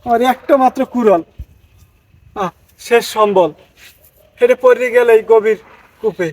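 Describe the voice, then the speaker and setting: A man's voice: extremely high pitch, a little slow, a little mellow, no echo. An actor playing a simple, panicky village woodcutter who stammers as he speaks. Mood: lamenting. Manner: flustered, stammering. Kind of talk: comic folk-tale acting.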